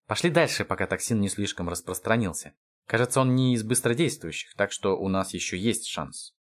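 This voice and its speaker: A man voicing a paranoid, trigger-happy male alien soldier who talks in a hoarse, suspicious, accusing way. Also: lowish voice, animated, brisk. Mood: urgent.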